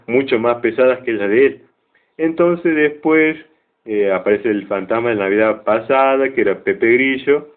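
Chatty man retelling a cartoon, tinny sound. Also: lowish voice. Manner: chatty, joking asides. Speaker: cartoon reviewer.

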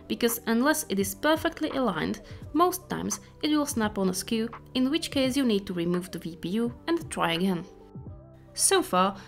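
Woman, scripted narration, product review, mid-range pitch, faint background music.

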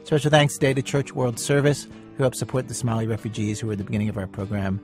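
A man hosting a radio show, reading scripted narration in a measured, conversational way. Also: medium pitch, flat delivery, darkish tone, faint music behind. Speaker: radio host.

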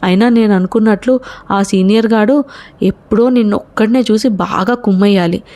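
A woman voicing a sharp-tongued young college woman who is sarcastic and quick-tempered. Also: mid-range voice, lightly acted.

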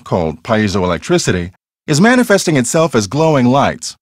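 In a dry, clean studio recording, a mid-range male voice acts out a video game role. He plays an earnest, self-assured ghost hunter in a mystery game, explaining things in a matter-of-fact, conversational way.

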